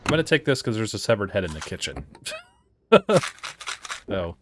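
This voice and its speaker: A man with a low voice talks through a horror game, thinking aloud. His delivery swings widely in pitch, from puzzled mutters to startled yelps and laughs, over a faint background hiss. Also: sing-song, normal speed. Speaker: game reviewer playing a horror game. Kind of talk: casual let's-play commentary.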